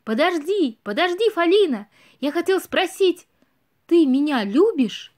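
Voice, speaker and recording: A woman voicing a brave, passionate young male deer in a storybook reading, with eager, loud exclamations. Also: sits high, moderate pace, natural voice. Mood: pleading.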